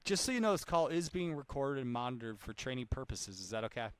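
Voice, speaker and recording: Talking fast and very animated, this sales trainer and caller has a smooth, medium-pitched voice. During live calls he demonstrates cold calling and coaches, staying chatty and informal and repeating himself to drive points home. There is no echo.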